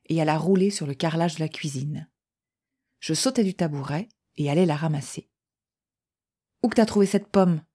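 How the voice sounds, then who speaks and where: A woman calmly reading a first-person short story aloud in a measured voice. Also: on the low side, slightly rough.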